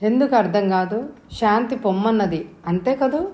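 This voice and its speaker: A woman reading the part of a feverish young woman who hurls sharp, bitter reproaches at her lover. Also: mid-range voice, animated, moderate pace, natural voice. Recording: roomy echo.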